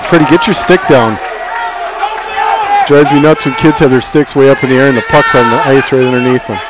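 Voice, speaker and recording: A man's voice: mid-range voice, steady tone, fairly quick. A middle-aged man giving folksy, partisan play-by-play commentary at a hockey game in an ice arena. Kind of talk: local sports commentary. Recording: loud crowd, noisy arena. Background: crowd and arena noise.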